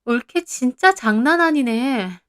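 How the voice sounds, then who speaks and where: A woman's voice: high voice, lively intonation, unhurried, a bit bright, smooth. Woman playing a snippy sister-in-law scoffing in disbelief. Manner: incredulous, scoffing. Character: sharp incredulous young sister-in-law.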